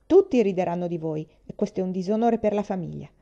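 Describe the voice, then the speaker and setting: A woman's voice: on the low side, quick pace, mellow, highs cut off, natural voice. A woman reading aloud, voicing a bossy older boy who hands down judgments in a sententious, lecturing way. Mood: stern. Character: bossy older boy, stern self-appointed judge.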